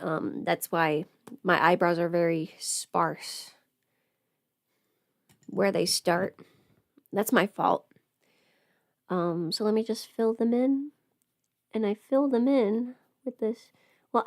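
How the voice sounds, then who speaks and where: A livestream host chats casually while doing her makeup, rambling and letting sentences trail off as though half talking to herself. Her voice sits in the mid range, and the recording is dry with clean studio sound.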